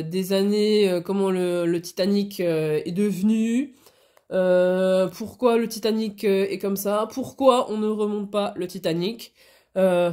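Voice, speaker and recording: In a casual hobby vlog chat, a woman whose nose is blocked from a cold hesitates and restarts a lot. The voice sits at medium pitch with a darkish tone.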